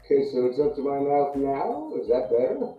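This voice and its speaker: A man's voice: mid-range voice, sing-song, normal speed, faint music behind. Flustered male guest, muffled as if through a wall, on a distant dull computer mic in a hollow room. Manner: flustered, fumbling with his setup. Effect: muffled, distant voice as if heard through a wall. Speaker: guest calling into a live stream panel. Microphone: computer mic away from the mouth. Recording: roomy, dull computer mic far from the speaker.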